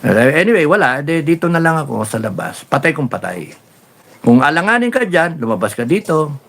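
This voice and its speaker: A man hosting a casual live stream, reading viewer comments and telling stories in a rambling, animated way with many fillers. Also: fairly high pitch, fairly quick, gravelly. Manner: rambling, animated storytelling with laughs and repeated fillers.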